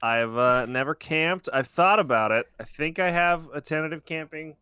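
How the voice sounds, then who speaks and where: A man's voice: fairly high pitch, moderate pace, bright, forceful tone, smooth, dry recording, studio quality. A man co-hosting a podcast in casual chat, rambling and losing his train of thought. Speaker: podcast co-host.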